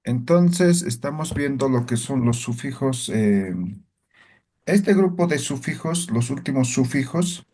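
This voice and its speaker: A man's voice: medium pitch, expressive, a little slow, dark tone. A man teaching a language class, explaining step by step and checking in with frequent tag questions. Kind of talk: classroom lesson.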